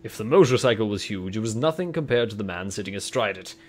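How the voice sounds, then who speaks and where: A man's voice: on the low side, animated, fast. A man reading a children's fantasy novel aloud for a comic puppet show, breaking off to joke and banter. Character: Professor McGonagall, stern older woman. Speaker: reader and puppet show performer. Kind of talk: comic read-aloud with character voices.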